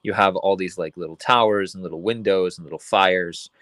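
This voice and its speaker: A man's voice: sits low, fairly even intonation, a little fast, fairly bright tone, no echo. A young man from Venezuela, an artist talking about his work in a casual interview, rambling with many restarts and fillers. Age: young adult. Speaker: artist guest.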